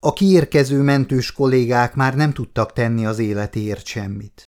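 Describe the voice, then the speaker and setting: A man's voice: mid-range voice, darkish tone, natural voice. A man doing a solemn police officer. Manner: formal, measured, official. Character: middle-aged male police lieutenant colonel, formal and solemn. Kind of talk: audiobook character voice.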